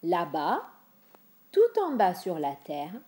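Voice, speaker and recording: A woman reads a myth aloud in a gentle, expressive way. She takes her time, very unhurried, with a mellow, soft tone. Her pitch rises and falls freely, carrying the tale along. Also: slight background noise. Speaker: storyteller. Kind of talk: reading a myth for children.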